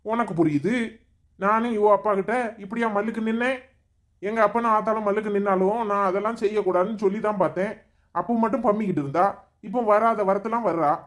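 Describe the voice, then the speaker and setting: A man voicing a weary, resigned middle-aged father in a cartoon, speaking Tirunelveli Tamil in a slow, sighing way. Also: sits high, close to an everyday voice.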